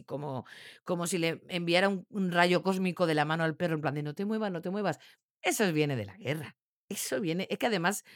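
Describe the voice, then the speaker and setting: A woman, a dog trainer explaining her methods in a casual, animated and jokey way. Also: medium pitch, no echo, clean studio sound. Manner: animated and jokey, mimics barked commands.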